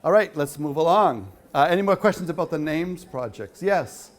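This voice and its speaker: A man gives a loose, chatty talk at a quilt show and fields questions from the audience. His voice sits a little high for a man, and he fills his pauses with plenty of uh's as he wanders between stories. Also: animated. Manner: chatty, rambling, many fillers. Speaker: featured speaker at a quilt show. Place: hall.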